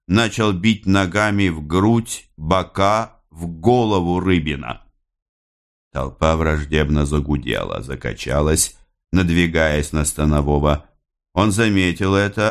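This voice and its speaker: A man narrating a classic novel as an audiobook in a dramatic, measured storytelling manner. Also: sits low.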